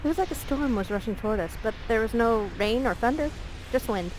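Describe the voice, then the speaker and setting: A woman narrating a visual novel let's play aloud, her voice slightly high. She reads the story playfully and keeps breaking off for jokey asides. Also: lively intonation, a little fast, a little mellow, slight background noise, rough recording.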